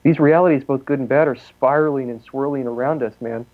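A man's voice: mid-range voice, fairly quick. A man holds forth on a live talk show, piling up swearing and loose tangents in a rambling rush. The recording sounds a little dull and lo-fi. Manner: rambling, profane, intense. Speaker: podcast co-host. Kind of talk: casual profane talk show rant.

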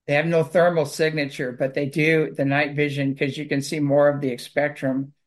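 In a casual conversation about his work clearing houses, a man rambles earnestly from one point to the next. His voice is pitched slightly above the typical male range, with little variation in pitch and a normal speed.

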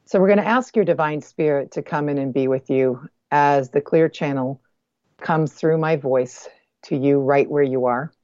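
A woman guides a meditation in a low, mellow voice, soft and close as if right in your ear. She phrases deliberately, leaving pauses between short groups of words. The sound is dry but dull and lo-fi. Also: no echo. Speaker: guest energy healer.

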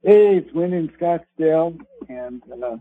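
A man calling in to a conference call, his voice muffled by the phone line, talking in a sleepy, unhurried way with soft laughs. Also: lively intonation. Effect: muffled, bass-heavy phone sound. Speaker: caller. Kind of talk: casual chat on a conference call. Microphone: phone before switching to Bluetooth.

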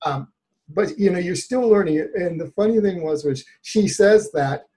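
A male therapist, a guest on an interview show, telling a personal story in an animated way and laughing often. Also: sits high, moderate pace.

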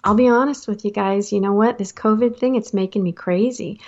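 A woman coaching people in a casual motivational talk, lively and quick to act out quotes in different voices. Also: medium pitch, muffled recording. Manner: animated, acts out quotes and laughs often. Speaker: life coach.

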